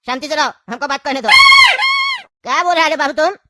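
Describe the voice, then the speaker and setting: A woman's voice: high voice, a little fast, heavy background noise, close to an everyday voice. A woman voicing a bossy, mocking know-it-all man in a comedy skit, with a Bhojpuri-region Hindi accent. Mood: teasing. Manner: scolding, mocking, loud.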